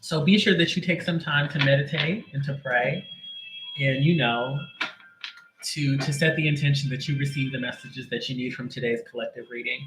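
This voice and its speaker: A man at medium pitch and normal speed hosts a tarot livestream, making casual chat before the reading. He greets viewers by name between joking asides, with background noise audible.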